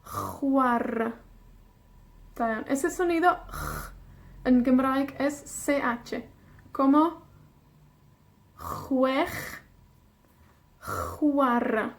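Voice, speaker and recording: A woman from Wales teaching a beginners' language class, patiently repeating each word slowly so learners can echo it. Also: sits high.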